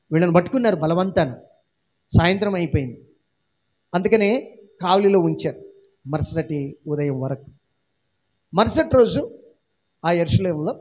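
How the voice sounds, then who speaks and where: A man's voice: high-pitched, a little mellow. A male pastor with a Andhra Telugu accent, preaching a sermon with emphatic repetition and rhetorical questions. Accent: Telugu-speaking Andhra region. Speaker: senior pastor.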